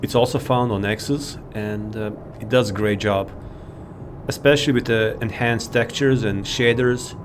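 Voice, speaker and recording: A man with a medium-pitched voice hosts a video game showcase, offering rambling, informal, enthusiastic commentary as he walks through the game. Game music plays against a noisy background.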